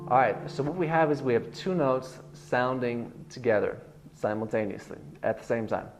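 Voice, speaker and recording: A low-quality recording captures a bass-baritone guitar instructor in an online video, speaking at an ordinary speed while he rambles casually and uses many fillers.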